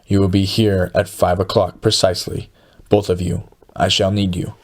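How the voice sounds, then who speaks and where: A man reads out a low-voiced scheming schemer in a storybook, talking fast and sinister as he gloats over his plot. The voice sits on the low side and sounds excited and conspiratorial. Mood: excited, insistent. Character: scheming, gloating poor middle-aged man plotting a crime.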